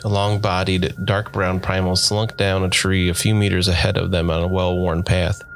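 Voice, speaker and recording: A man narrating a fantasy audiobook in a steady storytelling voice. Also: low voice, normal speed, gravelly, faint music behind.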